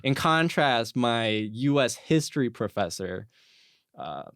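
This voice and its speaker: A man's voice: mid-range voice, expressive, takes it slowly, fairly bright tone, clear, resonant tone, no room sound, studio quality. A young man hosting a podcast in a casual chat, rambling and restarting his sentences a lot. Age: young adult. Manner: rambling, stammering restarts, frequent "like". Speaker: podcast host.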